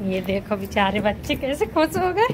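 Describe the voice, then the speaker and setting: A woman's voice: medium pitch, very animated, moderate pace, noisy background. A woman in her thirties filming a family vlog, coaxing and soothing her crying children in casual talk. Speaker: vlogger and mother.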